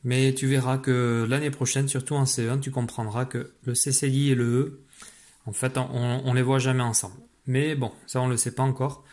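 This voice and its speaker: The delivery is flat, at a moderate pace, in a mid-range voice with a darkish tone. It belongs to a male primary teacher patiently conducting a spelling dictation, addressing his pupil and explaining one step at a time.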